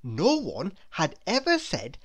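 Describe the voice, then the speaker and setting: This is a woman narrating a children's storybook, her fairly low voice expressive and her storytelling deliberate.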